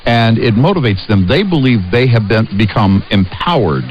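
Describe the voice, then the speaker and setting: On a chatty political talk radio program, an American co-host speaks with emphasis, often restarting haltingly and repeating short phrases. His voice is medium-pitched and animated. The audio sounds dull and band-limited, like radio.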